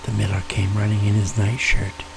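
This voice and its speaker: A soft-spoken, folksy man telling ghost stories in an unhurried ASMR style, sometimes dropping into a whisper. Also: lowish voice, monotone, gravelly, noisy background. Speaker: storyteller, ASMR host.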